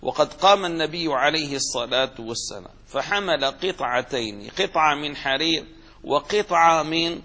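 A man teaches a classical religious lesson, reading a passage aloud a little louder and then working through it in careful explanation. His voice sits on the higher side for a man, and he often pauses on fillers or restarts a word before carrying on. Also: lively intonation. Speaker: sheikh teaching a hadith commentary.

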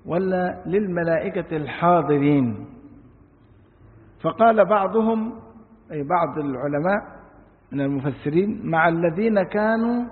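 A man with an Egyptian accent teaching Quran commentary, reading classical passages and explaining them in colloquial speech with rhetorical questions. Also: high voice. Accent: Egyptian Arabic. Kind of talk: religious lesson, reading a text and explaining it. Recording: tinny phone-like sound in a reverberant hall.

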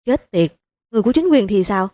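A woman's voice: medium pitch, animated, fast talker, no echo, clean studio sound, natural voice. Woman voicing a blunt hot-tempered police chief. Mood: angry. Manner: blunt, forceful, cursing.

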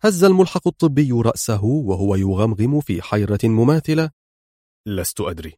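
A man narrating a thriller audiobook in a dramatic, lively storytelling manner. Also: mid-range voice, brisk, no echo, studio quality.

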